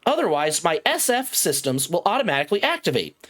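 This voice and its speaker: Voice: mid-range voice, very animated, fast talker, a bit bright, voice pushed up. A game master voicing a courteous corporate AI assistant system that reads out formal announcements.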